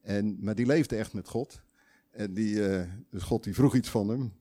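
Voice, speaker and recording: A man's voice: fairly low pitch, a little slow, mellow. Emphatic preacher man. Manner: conversational, emphatic, with quoted voices and restarts. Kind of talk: sermon with audience questions.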